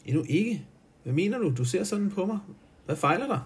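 A man's voice: high-pitched, very animated, breathy edge, voice pushed up, heavily acted. A man reading aloud and voicing a proud, imperious upper-class woman in a raised, haughty voice. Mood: bewildered.

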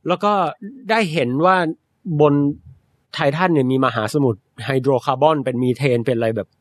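A man's voice: medium pitch, expressive, moderate pace. A young Thai man co-hosting a podcast, casually explaining science news in a chatty, explanatory way. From Thailand. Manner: explanatory, chatty, adds polite particles.

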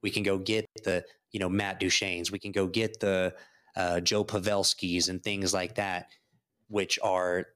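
A man's voice: low-pitched, flat delivery, measured pace, a bit bright, smooth. A man from Texas, a podcast guest, talking sports casually and rambling with many fillers and restarts.

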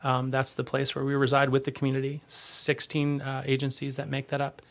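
A man giving a conversational podcast interview as an agency leader, earnest and halting, often rephrasing as he goes. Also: mid-range voice, completely flat delivery.

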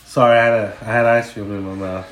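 A man's voice: on the low side, fairly even intonation, quick pace, a little hiss or hum, low-quality recording. A young man from Southern California co-hosting a casual podcast, laid-back and slangy, speaking openly. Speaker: podcast co-host.

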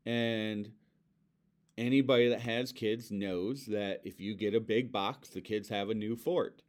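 A man with a lowish, smooth and resonant voice talks through loss in an earnest, reflective conversation. He speaks gently, as a father sharing what grief has taught him. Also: fairly even intonation, unhurried. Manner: earnest, reflective, speaks softly of his son. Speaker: podcast co-host, bereaved father.

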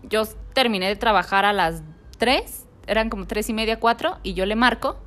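A woman with a Mexican accent speaks in a relaxed, conversational way. She tells a personal story to an interviewer and replays each line of dialogue she remembers in her own voice. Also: mid-range voice, normal speed.

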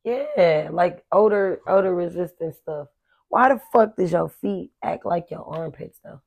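Laughing, lower-voiced woman co-host. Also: animated, a little slow, gravelly, darkish tone, dry recording. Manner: laughing, profane, chatty slang. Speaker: podcast co-host. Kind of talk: casual chat.

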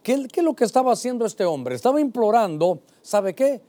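A male pastor teaching a Bible sermon, animated and speaking directly to his listeners. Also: extremely high pitch, a little fast.

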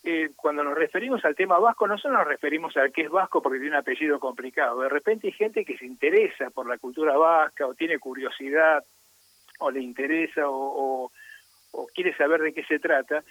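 A man's voice: on the high side, a little fast, a bit bright, no echo, poor audio. A man speaking as a radio guest, explaining at length with hesitant fillers. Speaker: radio guest on Basque culture.

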